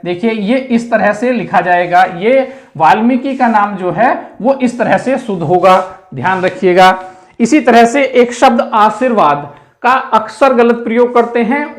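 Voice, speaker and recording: A man teaching a Hindi grammar lesson for exam preparation, explaining slowly and repeating key words as he points things out. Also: extremely high pitch.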